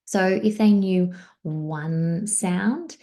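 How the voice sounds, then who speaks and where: A former teacher giving a parenting webinar, encouraging and demonstrating words slowly, syllable by syllable. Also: female voice, on the low side, dark tone.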